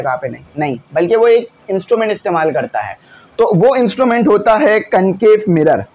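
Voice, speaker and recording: A man's voice: high voice, a little mellow, muffled recording. A male teacher, patiently explaining exam answers in a classroom lesson and often checking in with his students. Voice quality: glasses wearer.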